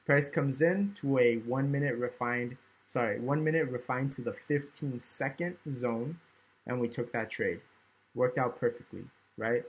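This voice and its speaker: Give me a man at a mid pitch casually talking through a chart screen recording. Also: a little slow, husky. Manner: casual, thinking aloud with frequent "right?". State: hiccups. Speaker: trading educator.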